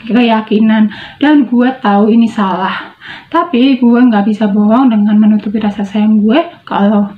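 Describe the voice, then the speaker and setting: A woman's voice: on the high side, close to an everyday voice. Woman voicing an earnest, ailing teenage boy. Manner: slangy Jakarta-style boy talk, earnest. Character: sincere, gravely ill teenage boy. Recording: tinny, phone-like, echoey room.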